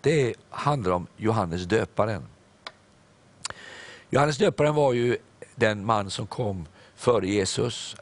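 A man preaching a sermon, reading scripture aloud and acting out its dialogue, with some "eh"s and repeated words. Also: fairly low pitch. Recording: broadcast program.

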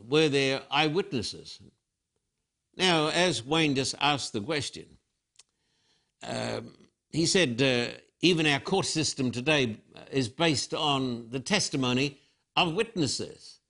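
An older man preaching a sermon as pastor, telling the story with animated storytelling and acted-out quotes. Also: mid-range voice, slow pace, vocal fry.

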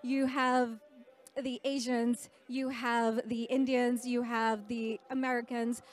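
A woman's voice: fairly high pitch, little pitch movement, takes it slowly. A woman interviewer asking questions in an enthusiastic, grateful way.

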